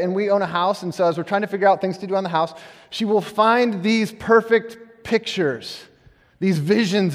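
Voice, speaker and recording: A man in his thirties preaching a sermon in a church, conversational and self-deprecating. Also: sits high. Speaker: pastor. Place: church sanctuary. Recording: echoey hall.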